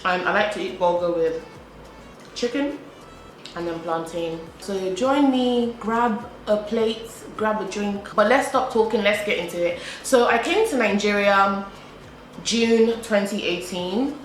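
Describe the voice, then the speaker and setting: Eating as she talks to camera, this young adult British vlogger rambles casually, repeating herself and peppering her speech with "like." She has a medium-pitched voice and speaks a little slowly. Soft music plays behind her in an echoey room with a faint background hum.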